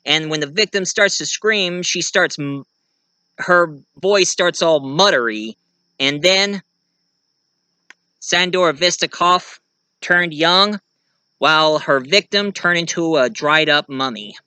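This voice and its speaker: This man takes it slowly, his fairly high voice sharp and clean with no echo. As a video creator and amateur writer, he rambles happily in casual vlog fashion about what he's been writing.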